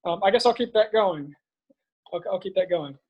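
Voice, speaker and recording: A man's voice: sits high, normal speed, muffled recording. A man hosting a casual podcast conversation, chiming in with brief, agreeable remarks. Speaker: podcast host.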